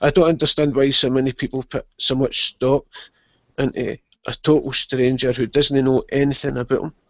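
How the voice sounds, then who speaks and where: A man's voice: mid-range voice, flat delivery, moderate pace, dry recording. A man in a casual online group chat, chatty, opinionated and swearing. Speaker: guest on the chat. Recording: lo-fi online call audio.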